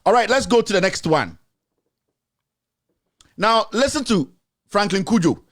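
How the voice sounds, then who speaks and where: A Ghanaian man with a high-pitched voice rants as a show host. He fires off accusations and keeps hammering the same rhetorical questions in a fiery, heated commentary. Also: very animated, unhurried, fairly bright tone.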